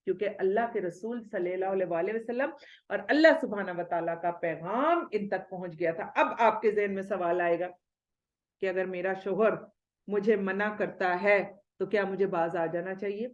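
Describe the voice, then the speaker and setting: A woman's voice: medium pitch, highs cut off. A woman lecturing on Islamic history to other women, full of rhetorical questions, now and then acting out what others say. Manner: lively, rhetorical questions, acts out quoted speech.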